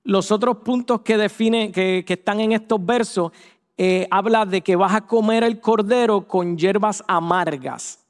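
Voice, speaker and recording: A man preaching a sermon, animated and acting out quoted voices. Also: high-pitched, unhurried. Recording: echoey hall with long reverb.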